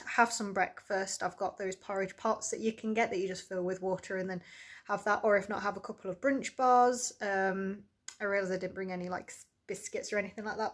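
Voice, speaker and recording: Young woman vlogger, rambling and chatty with plenty of fillers, talking to a close camera from her hotel bed. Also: medium pitch. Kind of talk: casual vlog chat to camera. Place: small hotel room, indoors, sitting on a bed. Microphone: camera close in front of her.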